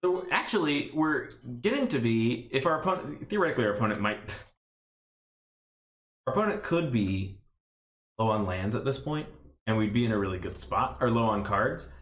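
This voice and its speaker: A man's voice: medium pitch, expressive, normal speed, a bit bright, reverberant. A man streaming a card game, thinking aloud in casual play-by-play commentary with rambling, self-mocking asides. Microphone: desk stream mic.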